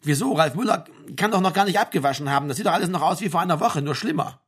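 A man voicing a reserved young man who answers in a dry, understated way, in a lively reading voice. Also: fairly high pitch, very fast, husky, pitched above the performer's own voice, heavily acted. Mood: dry, wry.

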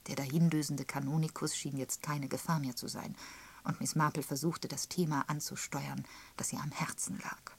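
A woman narrating a novel as an audiobook reader, calm and even. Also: low voice, moderate pace, vocal fry, breathy edge. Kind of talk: scripted narration.

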